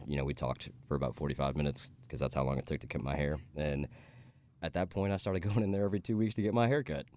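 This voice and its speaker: A man, a guest, telling the story of how he met his wife in a casual chat, with quick dry jokes. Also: a bass voice, no room sound. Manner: quick, dry self-deprecating humor.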